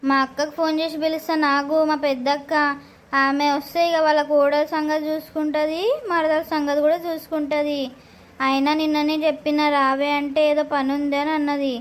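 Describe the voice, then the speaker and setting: A woman's voice: high voice, level tone, a little fast, natural voice. A woman voicing a protective, scheming middle-aged mother in a cartoon, with an indignant, scolding way of talking. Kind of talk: cartoon voice acting.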